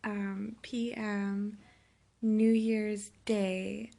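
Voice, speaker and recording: A hungover woman in her thirties talking in a weary, halting, self-reproachful way in a casual confessional vlog, sounding sick. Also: medium pitch, level tone, creaky, dark tone. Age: 30s. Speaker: vlogger. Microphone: phone held by herself.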